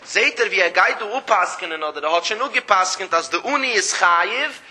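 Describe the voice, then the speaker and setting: Male religious teacher, high keen voice; recites text lines, then explains them with lively emphasis. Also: normal speed. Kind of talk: traditional religious text lecture.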